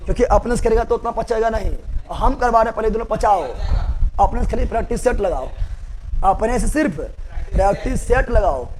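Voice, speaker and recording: Guy teaching chemistry, high voice, keeps repeating words and asking the class back, cracks jokes. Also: a little mellow, a little hiss or hum. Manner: repetitive call-and-response teaching, joking asides. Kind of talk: classroom lecture.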